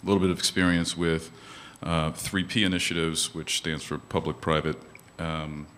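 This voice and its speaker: A man's voice: very deep voice, flat delivery, moderate pace, a bit bright. A man moderating a panel, formally reading out a guest's background and asking questions. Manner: formal, reads from notes.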